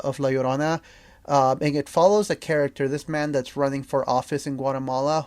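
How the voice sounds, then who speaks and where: A young man from El Salvador talks about movies in a loose, excited way, full of "like" and restarts. His voice sits at an average pitch. The recording is dry, with no room sound. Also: no echo. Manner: enthusiastic, rambling with many fillers. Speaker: podcast co-host. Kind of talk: casual film chat.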